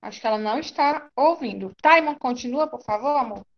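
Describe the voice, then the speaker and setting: Brazilian woman, schoolteacher, online lesson, reassuring, high pitch. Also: expressive, a little fast, highs cut off, slight background noise. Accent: Brazilian Portuguese. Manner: reassuring, repeats "tá certo?". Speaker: teacher. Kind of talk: online class teaching.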